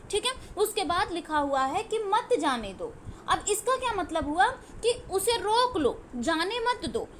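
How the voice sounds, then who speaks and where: A woman with a very high-pitched voice teaches a grammar lesson to exam students, explaining step by step. She often checks in with "okay" and frequently repeats "ठीक है", with slight background noise in the recording.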